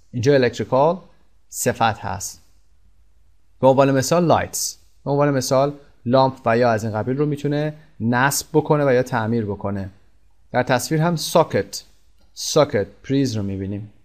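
A man teaching an English vocabulary lesson. He says each English word slowly, repeats it, and then explains it. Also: mid-range voice. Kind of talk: recorded language lesson.

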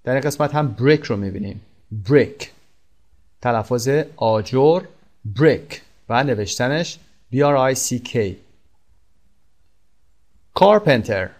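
A man teaching an English vocabulary lesson. He says each English word slowly, repeats it, and then explains it. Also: mid-range voice, a little mellow. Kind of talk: recorded language lesson.

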